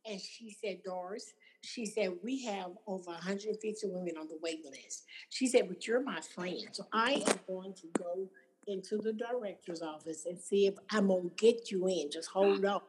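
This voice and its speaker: A woman's voice: medium pitch, moderate pace, poor audio. A woman telling her own recovery story to an audience, acting out what others said. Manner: storytelling, acting out quoted voices. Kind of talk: personal testimony to an audience.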